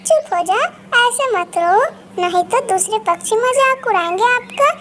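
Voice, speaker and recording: A woman voicing a kind, motherly female sparrow auntie in a cartoon, soothing and gently firm. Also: extremely high pitch, unhurried. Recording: steady background noise.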